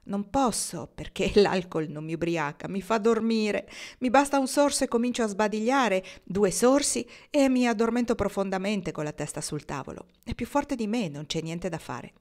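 A woman voicing a worldly, good-humored grown man in an audiobook, speaking calmly and wryly. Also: mid-range voice, close to an everyday voice. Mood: amused, gentle. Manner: calm, wry, measured.

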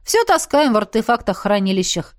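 A woman reading the lines of a young male adventurer, brisk and mocking. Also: mid-range voice, big pitch swings, no room sound, studio quality, lightly acted. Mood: joking.

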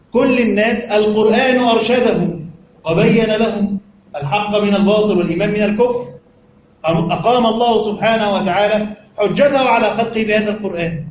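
A man's voice: high-pitched, a little mellow. A man with an Egyptian Arabic accent teaching a religious lesson as a sheikh. He explains step by step and asks his listeners rhetorical questions. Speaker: sheikh teaching Quran commentary. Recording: roomy, muffled recording with faint noise.

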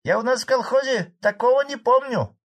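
A man putting on a shrill village woman. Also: fairly quick. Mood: sceptical. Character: nosy middle-aged village woman farmer.

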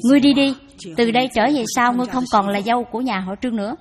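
A woman voicing a bitter, harsh older mother-in-law who scolds in shrill, cutting bursts. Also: very fast, natural voice. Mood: cold, scornful.

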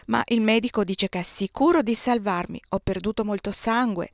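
Woman narrator for a first-person novel audiobook, measured and expressive, mid-pitched, dry close sound. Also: no echo. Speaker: audiobook reader.

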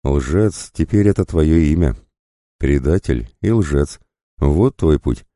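A man voicing a cold, vengeful woman who condemns a traitor, speaking slowly and intoning each word. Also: a bass voice, expressive, dark tone, no room sound, clean studio sound, full character voice. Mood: condemning.

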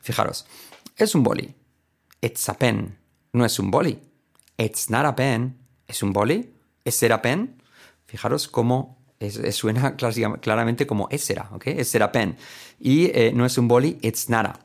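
A man's voice: mid-range voice, a little slow, vocal fry. A man from Spain with a Spanish accent, teaching English in a recorded lesson and drilling example phrases over and over. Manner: lively, repeats example phrases, sings snippets.

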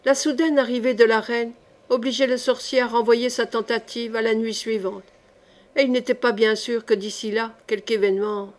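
A woman narrating a historical novel as an audiobook, measured and expressive. Her voice sits a little high, clear and steady over long passages. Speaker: audiobook reader. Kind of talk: reading a historical novel aloud.

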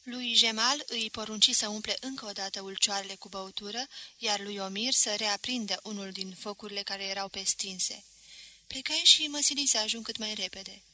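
A woman reading a literary novel aloud as an audiobook, steady and expressive. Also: mid-range voice, no room sound. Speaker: audiobook reader.

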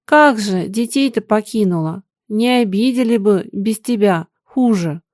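A woman's voice: mid-range voice, measured pace, a little mellow, no room sound, clean studio sound, lightly acted. A woman voicing a poor, grieving peasant mother who speaks in plaintive, sighing folk speech.

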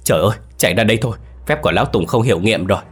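A man voicing a terrified woman fleeing monsters in an audio story, shouting in a husky voice. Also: on the low side, lively intonation, racing, faint music behind. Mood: panicked. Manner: panicked shouting.

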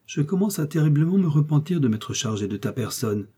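A man's voice: a little high, animated, fairly quick, warm tone, husky, voice pushed up. A man reading aloud and voicing a pompous, fussy village apothecary in an indignant rant. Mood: scornful. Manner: indignant ranting tirade, exclamatory.

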